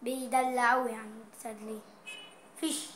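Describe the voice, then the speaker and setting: A woman's voice: a little high, flat delivery, moderate pace, a bit bright. A woman with an Egyptian accent, chatting playfully in a vlog as she reads out dialect words and explains what they mean. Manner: playful, reading out dialect words and their meanings. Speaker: vlogger. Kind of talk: casual vlog chat.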